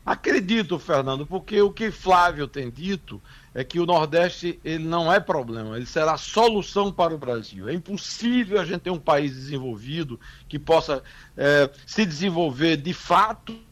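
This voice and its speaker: A man's voice: on the high side, animated, moderate pace, fairly bright tone. A politician speaking in a phone interview, pressing his campaign talking points over a phone line that keeps breaking up. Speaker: politician on a radio call-in.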